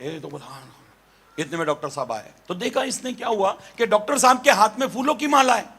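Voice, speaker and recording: A male pastor preaching a sermon, animated and questioning his congregation. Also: high-pitched, fast, gravelly, husky. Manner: animated, calls on listeners with questions.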